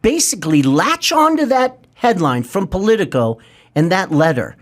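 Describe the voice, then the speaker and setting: A man's voice: high voice, very animated, normal speed. A man in his fifties, a guest in an interview, speaking in an intense, insistent way with lots of detail. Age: 50s.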